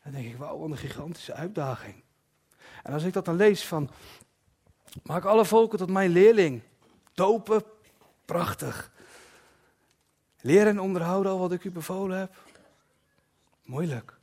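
A man preaching a sermon in a personal, confessional way, dropping to soft asides at times. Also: high voice, measured pace, long pauses.

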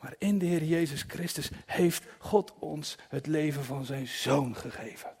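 A man preaching a sermon in a personal, confessional way, dropping to soft asides at times. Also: on the high side, a little slow, breathy edge.

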